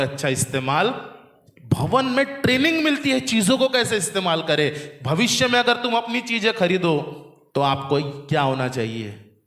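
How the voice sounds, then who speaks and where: A man's voice: high-pitched, fairly bright tone, reverberant. A man preaching a sermon to his church, quizzing the congregation and having them repeat lines back. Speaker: pastor. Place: church hall. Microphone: handheld microphone.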